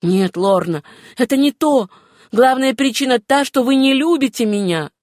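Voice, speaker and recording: A woman's voice: sits high, animated, normal speed, darkish tone, no echo, studio quality, voice pushed up. A woman reading an audiobook voices an earnest, abashed young man in love, with a pleading manner.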